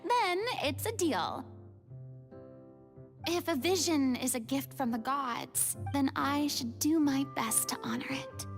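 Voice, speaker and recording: A woman's voice: high-pitched, big pitch swings, slow pace, faint music behind, full character voice. A woman playing an elegant, earnest young former stage actress in a video game, with refined and dramatic phrasing. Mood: resolved.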